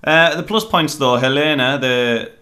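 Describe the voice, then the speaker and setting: A man's voice: mid-range voice, unhurried, pushed and bright. A man hosting a casual film review chat, rambling and hesitant with lots of fillers. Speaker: film reviewer, podcast host.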